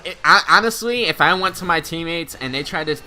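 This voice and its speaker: Bright-voiced young man telling funny stories. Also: fairly high pitch, a little fast. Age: 20s. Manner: animated, slangy, laughing as he tells stories. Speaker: gaming channel host. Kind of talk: gameplay commentary storytelling.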